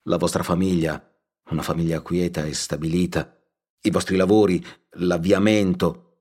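A man's voice: low voice, flat delivery, moderate pace, darkish tone. A man reading a humble, remorseful count. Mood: pleading. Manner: humble, solemn, pleading. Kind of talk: audiobook reading.

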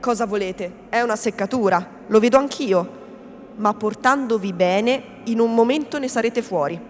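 A woman's voice: on the high side, normal speed, close to an everyday voice. Scheming male notary, soothing and false, read by a woman, in a reverberant hall. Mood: coaxing. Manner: coaxing, falsely kindly, then stern. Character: smooth-talking scheming middle-aged male notary. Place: reading event in a hall. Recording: long hall reverb, faint background noise.

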